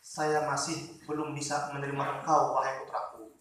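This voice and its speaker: A man voicing a stern mother who speaks slowly and firmly as she turns her son away. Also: mid-range voice, flat delivery, a bit bright, close to an everyday voice. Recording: echoey hall, distant mic.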